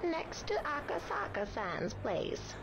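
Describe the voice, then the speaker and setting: An actress playing a worried, cautioning elderly woman in a video game, with a creaky voice. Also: high voice, big pitch swings, slow, exaggerated voice. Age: older. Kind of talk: video game English dub. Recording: noisy game audio with ambience.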